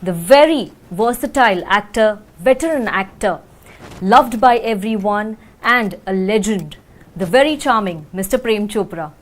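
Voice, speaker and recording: A woman's voice: medium pitch, expressive, a little slow. Female TV interviewer, mid-range voice, courteous and formal. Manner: polite, formal, with many fillers.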